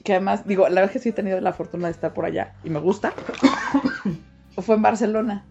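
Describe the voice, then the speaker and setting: A young adult woman with a Mexican accent, talking casually as a co-host, animated and quick to laugh. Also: medium pitch, gravelly, muffled recording, soft background music. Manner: animated, laughs often, acts out quoted reactions. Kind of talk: casual chat.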